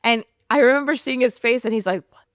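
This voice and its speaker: A woman's voice: on the high side, quick pace, dry recording, clean studio sound. A woman telling her personal faith testimony in an earnest, storytelling way, often saying "like". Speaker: podcast guest sharing testimony.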